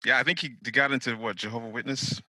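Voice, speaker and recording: A man's voice: mid-range voice, steady tone, quick pace, bright, forceful tone, no echo, rough recording. A man co-hosting a casual podcast, joking, swearing and laughing often. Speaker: podcast co-host.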